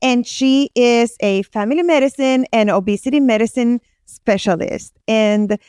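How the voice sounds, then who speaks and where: Eager woman podcast host, high and crisp. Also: normal speed, a little mellow, no echo, studio quality. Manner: eager, gushing introduction. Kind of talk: podcast interview.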